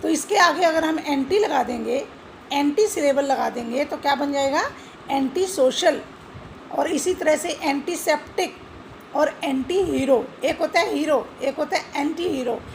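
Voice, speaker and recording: High, gravelly Indian woman teaching. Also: unhurried, slight background noise, rough recording. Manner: spells out words letter by letter and asks questions she then answers; mixes Hindi and English. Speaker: English teacher. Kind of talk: classroom-style explanation.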